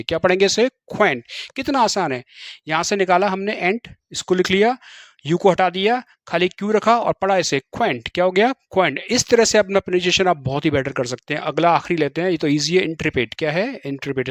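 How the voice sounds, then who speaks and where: Male English teacher, Hindi accent, slightly high voice, dry close sound, call-and-response drilling. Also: fast talker, no echo. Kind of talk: classroom lesson.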